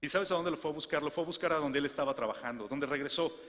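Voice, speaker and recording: A man with a Mexican Spanish accent preaching a sermon, swinging from lively questions to soft, low emphasis. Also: fast talker. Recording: long hall reverb.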